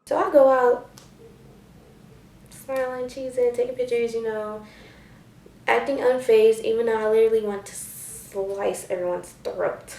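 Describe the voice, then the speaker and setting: A woman's voice: a little high, unhurried, vocal fry, long pauses, echoey room, far from the mic, slight background noise. A young woman vlogger telling a story in casual slang, acting out what people said in a raised voice. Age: young adult. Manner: animated, slangy, acts out quotes in a raised voice.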